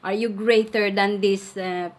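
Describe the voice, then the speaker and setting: A woman's voice: medium pitch, steady tone, measured pace, lightly acted. A woman voicing a skeptical woman at a well who questions a stranger.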